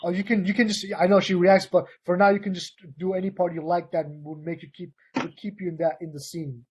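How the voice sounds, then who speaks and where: A man leads a table read. He reads stage directions and gives rambling, encouraging notes. His voice is husky and a little high. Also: flat delivery, brisk, a little mellow.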